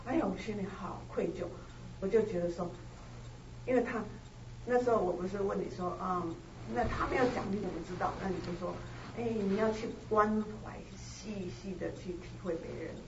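A woman student sharing a personal story in class, halting and soft-spoken. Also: medium pitch. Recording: roomy, distant, lo-fi with noise.

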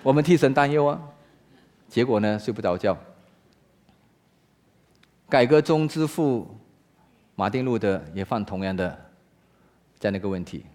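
A man preaching a sermon in Mandarin, asking rhetorical questions and swinging between loud exclaiming and hushed talk. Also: mid-range voice, lively intonation, normal speed, pauses often. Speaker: pastor.

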